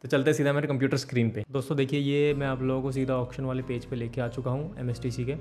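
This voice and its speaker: A young man in his twenties talks quickly in an even, flat tone, explaining things to camera in a studio. Faint music plays underneath his voice, which is picked up on a desk mic. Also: mid-range voice. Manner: steady, brisk delivery mixing in English words. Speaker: channel host. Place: indoor studio with green backdrop. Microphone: desk microphone in front.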